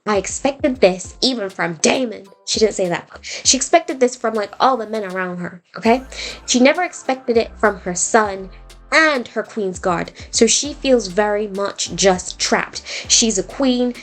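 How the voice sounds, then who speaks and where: A woman hosting a podcast, recapping and critiquing a TV episode in a chatty, opinionated way, full of fillers and quick acted-out quotes. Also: medium pitch, animated, faint music behind. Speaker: podcast host. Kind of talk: casual TV recap and commentary.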